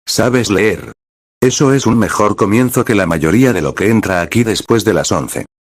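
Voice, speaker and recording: A blunt, quick-talking young waitress speaks in an audiobook reading, voiced by a male narrator. Her voice sits low, and the recording is close and dry. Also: no echo. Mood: brusque.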